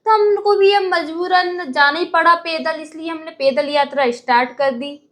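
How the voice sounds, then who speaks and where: A young woman narrating her travel vlog as a lively, chatty voice-over. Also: very high voice, moderate pace. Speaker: vlogger.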